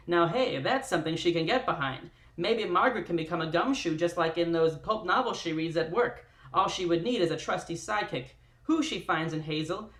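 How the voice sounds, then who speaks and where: A dramatic old-time radio announcer, put on by a streamer narrates in theatrical 1940s style and lands each phrase with a punchy pause. The sound is roomy, with a clear echo around the voice. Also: medium pitch, a bit bright, natural voice. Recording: roomy echoey room.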